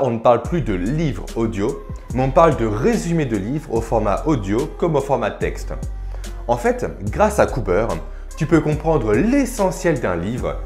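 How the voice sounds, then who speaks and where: Man, career vlogger, lively informal delivery with bouncy intonation, soft music under. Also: mid-range voice. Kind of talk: casual advice vlog addressing the viewer.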